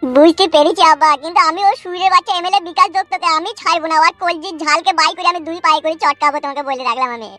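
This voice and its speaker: A woman's voice: very high-pitched, racing, sharp tone, soft background music. A woman voicing a hot-headed young man who swears and vows revenge, in a comedy cartoon. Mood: tearful, vengeful. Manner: fierce, swearing threats.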